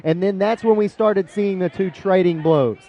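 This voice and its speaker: A man's voice: high-pitched, moderate pace, warm tone. A man calling a live cage fight as play-by-play sports commentator.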